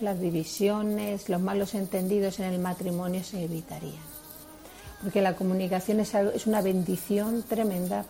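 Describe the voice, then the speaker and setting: Mellow-voiced Spanish woman preaching. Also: medium pitch. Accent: Spain Spanish. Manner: earnest, explanatory, asks rhetorical questions. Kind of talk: sermon on marriage.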